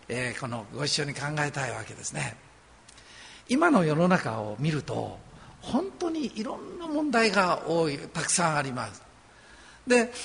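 Gravelly pastor preaching in a reverberant hall. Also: male voice, high voice. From Osaka, Japan. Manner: earnest, conversational preaching with gentle humor. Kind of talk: sermon.

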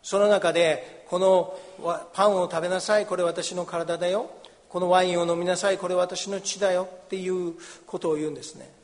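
A fairly high-pitched man preaching a sermon, a pastor who reads from the Bible and then explains it in a gentle, conversational way. His voice carries a long reverb, as if recorded in a large church sanctuary. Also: steady tone, brisk.

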